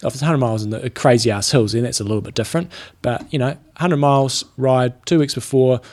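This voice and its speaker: A man's voice: mid-range voice, fast, a little mellow. A man with a New Zealand accent co-hosting a podcast in casual, slangy sports chat about endurance training. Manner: informal, slangy. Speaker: podcast co-host.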